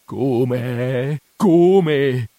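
A man reading aloud voices a timid, frightened middle-aged village priest who pleads in a high, quavering voice and drags out his words. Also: animated, slow, mellow, no echo, exaggerated voice. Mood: indignant scolding.

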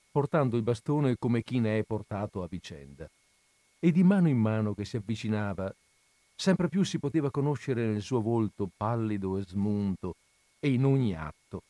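A man, host of a reading series, reading a classic novel aloud in a measured, expressive way. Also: fairly low pitch, no room sound. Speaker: reader and host.

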